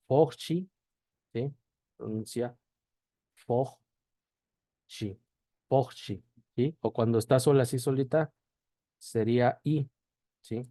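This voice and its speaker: Speaking at an easy pace in a warm, low register, a male language teacher walks his class through a slow explanation. He pauses after every point to ask "¿sí?" and articulates sounds individually, slowly. No echo is present.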